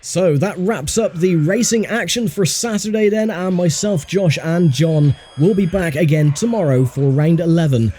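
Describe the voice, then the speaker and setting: Talking at normal speed with few pauses, this host uses a mellow, somewhat high voice. He's a sim racer giving laid-back commentary on his own driving in a racing game video. Racing game car sounds and faint engine noise play underneath.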